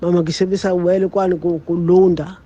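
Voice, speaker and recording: A man reading a practice passage aloud over a muffled video call. His voice is high yet mellow and husky, and he stumbles and repeats syllables as he works through the text. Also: little pitch movement, normal speed. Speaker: student.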